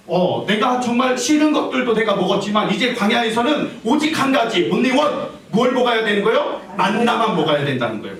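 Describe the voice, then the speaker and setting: A man's voice: high-pitched, a bit bright, recorded from a distance. A male pastor preaching a sermon, firing questions at the congregation and repeating their answers back to them. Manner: call-and-response preaching, asking the congregation questions. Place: church sanctuary. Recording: echoey church hall, voice from afar.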